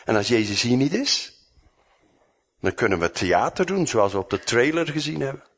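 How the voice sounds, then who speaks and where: A man preaching a sermon, acting out the dialogue and swinging from loud to hushed. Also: mid-range voice, sing-song, normal speed, husky.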